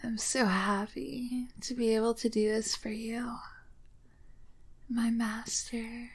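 A woman voicing a devoted, adoring tentacled female creature, speaking in slow, breathy whispers in an intimate audio roleplay. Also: fairly high pitch. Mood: tender whisper. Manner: slow breathy whispering, calls listener master. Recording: steady background hiss.

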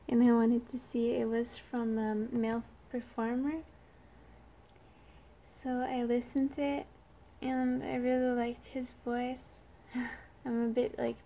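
A woman's voice: a little high, dark tone, dull audio. A 22-year-old woman from Canada, a native French speaker with a Quebec French accent, chatting casually and shyly to her listeners in a youthful-sounding voice. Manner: shy, hesitant, giggly. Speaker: amateur audio creator.

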